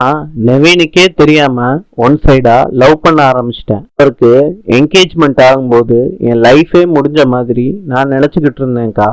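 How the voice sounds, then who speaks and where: A man's voice: mid-range voice, dry recording, close to an everyday voice, rough recording. A man reading the lines of a pleading young woman student, earnest and upset, in a dry recording.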